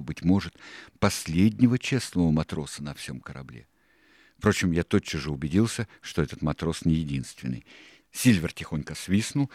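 A man narrating an audiobook in a measured storytelling manner. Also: low-pitched, darkish tone, no room sound, studio quality.

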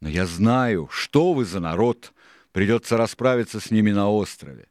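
A man voicing a cunning, domineering older pirate cook in an audiobook, lecturing loudly and scornfully. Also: lowish voice, expressive, normal speed, no room sound, studio quality, voice pushed up, close to an everyday voice. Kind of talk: audiobook character reading.

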